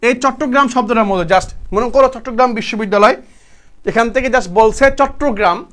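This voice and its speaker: A young man with a very high voice leads a live exam-prep class. He keeps firing quick questions and answering them himself, repeating each point in a casual, brotherly tone. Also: a bit bright. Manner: repetitive, drilling students with quick questions and answers; colloquial, addresses students as brother. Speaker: teacher.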